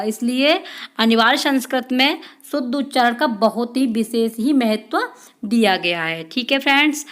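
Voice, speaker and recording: A woman's voice: fairly high pitch, fairly bright tone. A woman teaching an exam-prep lesson, reading out questions and answering them and calling her viewers friends.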